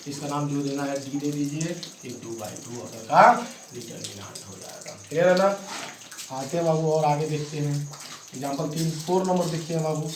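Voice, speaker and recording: Slight background noise and an echoey room surround a male maths teacher heard from off the mic. With a voice on the high side, he lays out a lesson slowly in steps and keeps checking in with his students.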